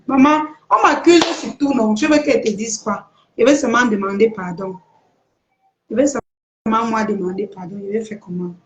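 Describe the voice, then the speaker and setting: A woman chatting live with viewers, greeting them and reading their comments, laughing often and chanting names in a sing-song way. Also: mid-range voice. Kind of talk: casual live-stream chat. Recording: echoey room.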